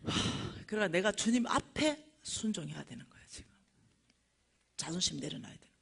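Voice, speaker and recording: A middle-aged woman, lecturing at a church and telling a personal testimony with animated storytelling. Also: fairly low pitch, moderate pace, vocal fry, slightly rough. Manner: animated storytelling, acting out dialogue.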